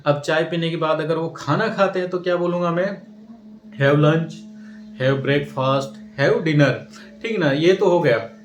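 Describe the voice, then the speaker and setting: A man's voice: sits high, darkish tone, a little hiss or hum. A man teaching a language lesson in a classroom style, repeating himself and asking questions he then answers. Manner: repetitive, checks in with "ठीक है ना" often. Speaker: English teacher. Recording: roomy echo, mic set at a distance.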